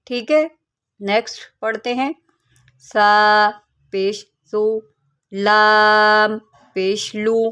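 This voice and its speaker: A woman teaching Quran reading who spells each letter by its vowel mark, blends the syllables and repeats them, with quick explanations between. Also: fairly high pitch. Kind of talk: slow spelled-out recitation lesson.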